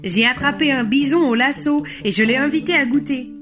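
Une femme qui fait la voix d'un petit hamster mâle rêvant d'être cow-boy, excité et audacieux, sur fond de musique. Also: mid-range voice, moderate pace, close to an everyday voice. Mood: excited. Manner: excited, bold and shouting. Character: eager little male hamster who dreams of being a cowboy. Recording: music playing behind.

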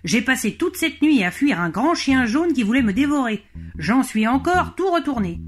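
A woman's voice: high voice, very animated, moderate pace, faint music behind, pitched above the performer's own voice. A woman voicing a kindly male squirrel in a storybook, still rattled from being chased. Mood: shaken.

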